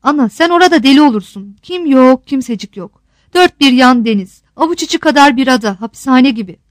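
A woman's voice: high voice, animated, a little fast, no room sound, clean studio sound. A woman reading a novel aloud, voicing a hesitant grown son, a sea captain, who pleads with his mother. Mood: pleading.

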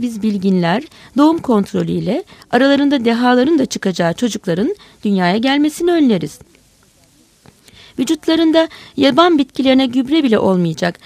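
A woman's voice: fairly high pitch, animated, normal speed, darkish tone, dry recording, pitched above the performer's own voice. A woman as a pompous lecturing scientist. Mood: declaiming. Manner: declaiming like a lecture. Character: pompous male chorus leader, lecturing scientist.

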